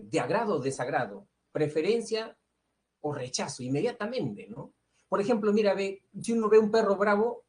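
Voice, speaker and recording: A man's voice: fairly high pitch, darkish tone. Peruvian man teaching psychology. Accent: Peruvian Spanish. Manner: explanatory, tags nearly every phrase with a questioning "¿no?"; fills pauses with "este" and "eh". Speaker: pre-university psychology teacher. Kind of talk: online lecture to students.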